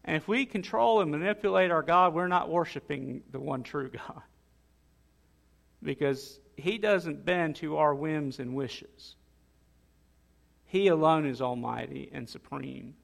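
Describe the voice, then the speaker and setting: A male pastor preaches in a relaxed, conversational way, pausing on fillers and restarting his sentences. His voice sits rather high and has a gravelly fry. Long reverb trails behind him, as in a large hall. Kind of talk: sermon.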